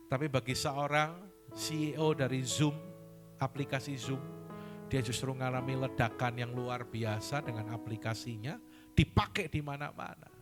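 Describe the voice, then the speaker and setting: A man delivers a church sermon in a chatty, animated way, his voice pitched a little high for a man. His colours the talk. Soft instrumental music plays faintly behind him in the sanctuary. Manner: conversational preaching, animated rises in pitch and volume. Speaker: pastor.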